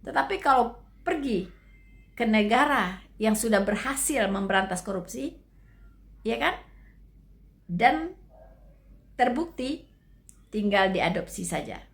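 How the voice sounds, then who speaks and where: A woman's voice: on the high side, animated, slow pace, gravelly, long pauses. A woman giving casual commentary to her viewers, chatty and full of trailing fillers. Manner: chatty, addresses listeners as friends, trailing fillers.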